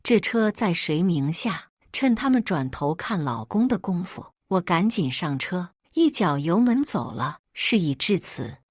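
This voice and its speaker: A woman reading a first-person family drama story aloud, expressive and emphatic. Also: fairly low pitch, unhurried, hardly any pauses, husky, no echo, studio quality. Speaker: story narrator.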